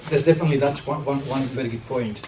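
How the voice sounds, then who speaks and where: Speaking on a roundtable panel, a middle-aged Greek man who works with athletes talks earnestly and thoughtfully, with a Greek accent and a mid-range voice. He pauses often on fillers and restarts sentences. A distant mic catches him in an echoey event room with steady background noise.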